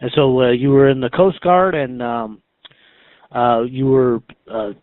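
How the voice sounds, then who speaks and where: A man conducting a casual interview, asking halting, hesitant questions with many pauses. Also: medium pitch, steady tone. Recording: tinny phone-like band, roomy echo.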